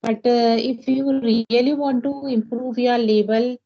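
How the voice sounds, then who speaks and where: Over a muffled call, a woman with a fairly high, fairly even voice speaks a little slowly while practising casual English conversation. She is a Hindi-speaking homemaker learning English, and she hesitates a lot, using fillers and restarting often.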